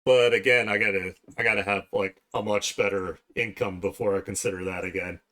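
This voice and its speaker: On his art livestream, a man with a voice on the low side chats casually and rambles while drawing. He talks briskly, with fairly even intonation and a bright, forceful tone.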